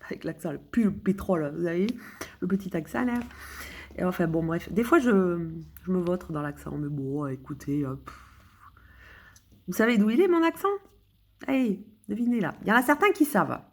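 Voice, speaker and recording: Husky, self-mocking woman chatting. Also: lowish voice, expressive, normal speed, pauses often. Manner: rambling, self-mocking and joking. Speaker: streamer explaining her own texts. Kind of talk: casual chat with viewers.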